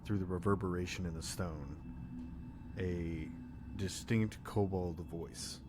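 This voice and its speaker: A man's voice: sits low, steady tone, takes it slowly, over music. A man acting as game master, casually narrating and giving rulings in a tabletop game. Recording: clear background noise.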